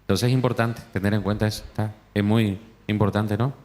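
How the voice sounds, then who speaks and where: A man's voice: fairly low pitch, steady tone, a little fast, a little mellow. A man with an Argentine accent explaining how a band follows its conductor. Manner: explanatory lecture on ensemble timing. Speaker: music instructor.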